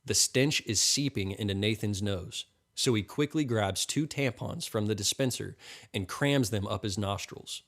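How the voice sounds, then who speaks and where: Low-voiced guy deadpan reading a crude comedy story. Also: normal speed. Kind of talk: scripted crude comedy narration.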